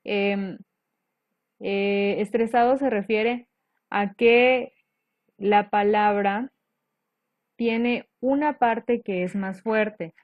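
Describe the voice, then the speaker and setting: A woman teacher walks through grammar rules at a slow, unhurried pace, stopping often to check her students follow. The recording is dry and a bit dull and lo-fi. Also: medium pitch, steady tone, no room sound. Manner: patient, step-by-step, frequent "ok?" checks.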